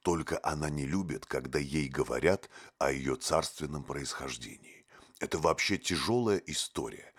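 A man's voice: sits low, husky. A man doing a boastful teller of tall tales. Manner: confiding, boastful storyteller. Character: boastful male fabulist spinning tall tales.

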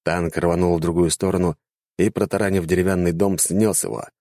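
A man narrating a fantasy war story with lively, dramatic delivery. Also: sits low, brisk, no echo, clean studio sound.

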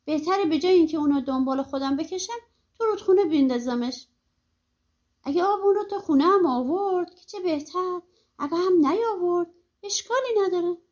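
A sly young peasant, read by a woman, talks in a playful, crafty way. The voice sits high and bright. It comes from a storybook told aloud. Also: expressive.

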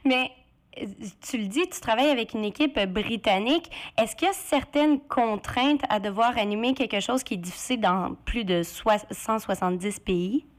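A woman's voice: fairly high pitch, normal speed. A woman hosting a radio interview, friendly and asking prompting questions. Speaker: radio host.

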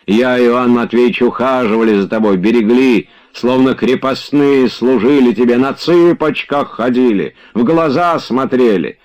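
A man voicing a crude, bullying middle-aged man who shouts abuse in an audiobook reading. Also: on the low side, animated, measured pace. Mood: shouting, abusive. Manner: shouting, abusive, blustering.

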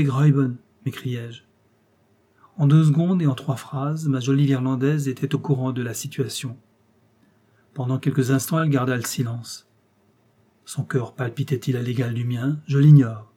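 Male narrator, audiobook, measured expressive reading, warm dark tone, husky. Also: medium pitch. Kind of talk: audiobook narration of a classic novel.

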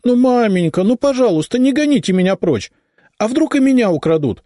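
A playful young girl from a storybook, pleading and teasing in a very high, lively voice, as a male narrator puts her on. The recording is dry and close. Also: brisk, no echo. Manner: pleading, breathy.

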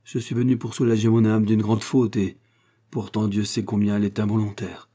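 A man voicing a terrified, guilt-stricken male museum curator who speaks hoarsely and frantically. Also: lowish voice, little pitch movement, brisk, mellow, lightly acted. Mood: anguished. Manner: frantic, raised voice.

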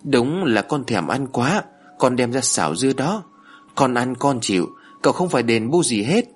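A young wife in a storybook speaks softly and earnestly, though she answers back when pushed, a man voicing her. The husky voice rises and falls lively. Faint music sits behind it. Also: medium pitch, moderate pace.

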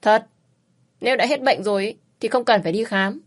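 A woman's voice: on the high side, fairly quick, voice pushed up, lightly acted. A woman voicing a young man who teases and insists with his reluctant bride-to-be. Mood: teasing. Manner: teasing, insistent. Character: teasing, pushy young fiancé.

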